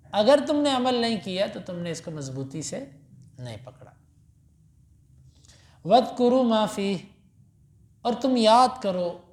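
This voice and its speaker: A man from Pakistan, a mufti giving a Quran lesson after evening prayer, emphatic, reciting Arabic verses slowly and then explaining them. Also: sits high, darkish tone. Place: mosque. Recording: echoey mosque hall.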